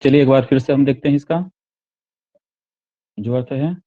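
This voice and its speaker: Over narrow, tinny audio, a man speaking at a moderate pace and medium pitch works through a Sanskrit text. Line by line he reads, then explains every word, often repeating or correcting himself.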